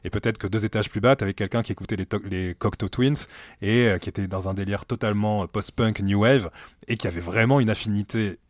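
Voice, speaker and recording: Sitting in a meeting room at the streaming company where he's music director, a late-30s man gives a relaxed conversational interview. He speaks deeply and thoughtfully, often hesitating to work through ideas; the audio is dry and close-miked, with no echo.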